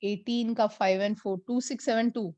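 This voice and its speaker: A woman physics teacher, mixing Hindi and as she teaches an online class and slowly repeats numbers for her students. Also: on the high side, fairly even intonation, a little mellow, dry recording, highs cut off. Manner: mixes Hindi and English.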